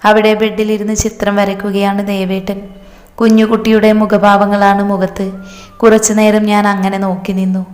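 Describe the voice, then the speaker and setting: A woman narrating a romantic story in the first person, reading calmly and steadily. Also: medium pitch, moderate pace. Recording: echoey room with long reverb.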